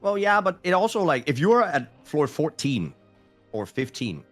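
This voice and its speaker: A man co-hosting a live stream, chatting casually in a relaxed, teasing way. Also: a little high, moderate pace, soft background music. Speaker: guest co-streamer.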